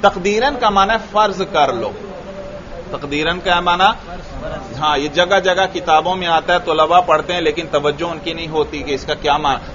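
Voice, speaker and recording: Male teacher from Pakistan, Pakistani Urdu accent, slightly high voice, questions his class as he lectures, dull lo-fi recording. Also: normal speed, crowd noise. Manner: asks the class questions and repeats answers.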